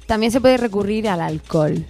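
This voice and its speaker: A woman's voice: medium pitch, lively intonation, a little fast, mellow, faint music behind. A woman in a casual studio chat among friends, telling jokey stories with a giggly manner. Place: radio studio.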